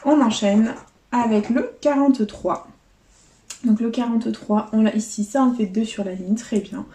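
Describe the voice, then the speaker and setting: A woman's voice: on the high side, normal speed, warm tone. A woman vlogger chatting casually as she scratches lottery tickets, counting out letters and numbers. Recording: echoey room.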